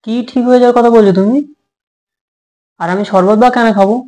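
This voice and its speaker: A man playing a short-tempered young husband in a comic home drama, snapping and quick to take offence. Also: high-pitched, darkish tone, close to an everyday voice. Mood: indignant.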